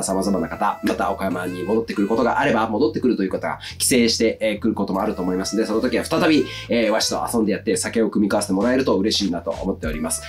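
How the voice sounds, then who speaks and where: A man in his thirties with an Okayama accent, chatting casually to camera with folksy, old-man-like turns of phrase. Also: fairly low pitch. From Okayama, Japan. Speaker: vlogger. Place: small furnished room at home, indoors.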